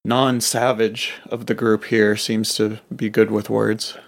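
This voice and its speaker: A man's voice: on the low side, little pitch movement, slow pace, vocal fry. A man playing a formal, stiff-spoken tribesman who is new to town in a tabletop game. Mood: dry formal.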